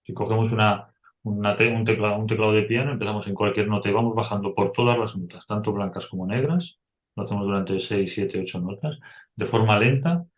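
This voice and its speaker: A man's voice: on the low side, brisk, echoey room. A middle-aged man teaching music, explaining step by step and humming short melodies as examples. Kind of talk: explanatory lecture.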